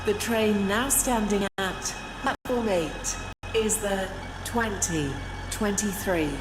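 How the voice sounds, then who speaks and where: A woman giving automated railway announcements over a train station loudspeaker, slow and measured. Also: medium pitch. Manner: slow, even, measured delivery. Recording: echoey station hall with background noise.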